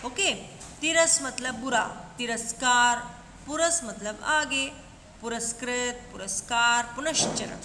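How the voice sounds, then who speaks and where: A woman's voice: a little high, slow pace, bright, forceful tone. A woman teaching a grammar lesson, going through examples one at a time and calling her students "beta". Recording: echoey room with long reverb, faint noise.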